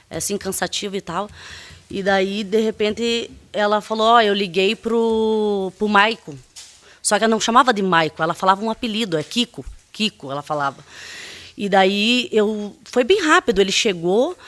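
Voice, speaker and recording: Woman, mid-pitched voice, testifying at a hearing, hesitant and emotional. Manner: halting, full of fillers and restarts; emotional, voice rising as she recounts. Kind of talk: courtroom testimony.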